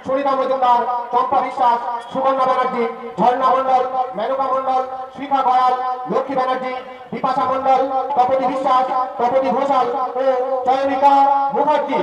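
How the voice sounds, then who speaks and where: A man's voice: very high-pitched, completely flat delivery, brisk, highs cut off. A man giving a scripted, theatrical announcement to open a stage play. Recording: echoey, distant microphone.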